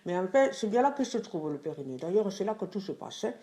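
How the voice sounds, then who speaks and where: A woman delivers a comic monologue as a reporter sharing the results of her street survey. She talks in a chatty, mock-earnest way, and her lines are full of small hesitant fillers. Her voice sits at an ordinary middle pitch. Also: sing-song, quick pace, dark tone. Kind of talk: comedy sketch monologue.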